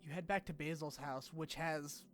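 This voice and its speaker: A man narrates a scripted video essay looking back on a game, speaking at normal speed in a slightly high voice with a fairly bright tone. He's informal, opinionated, and sweary, with casual asides, over background music.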